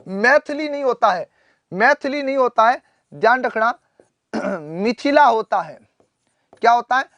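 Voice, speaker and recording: A man teaching Hindi in a live online exam-prep class, repeating answers and quizzing students back, often clearing his throat. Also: very high-pitched, a bit bright, no room sound. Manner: addresses students fondly as "beta".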